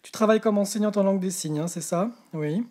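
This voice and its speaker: A man's voice: sits high, darkish tone. Hesitant man voicing signed conversation. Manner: hesitant, many pauses. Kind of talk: voice-over interpreting signed conversation.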